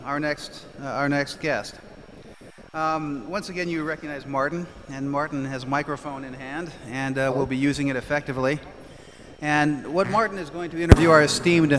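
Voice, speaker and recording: A man's voice: a little high, a bit bright. A man hosting a conference, rambling and full of fillers as he introduces the next session. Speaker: event host. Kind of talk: announcing at a conference. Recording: echoey hall, faint background noise.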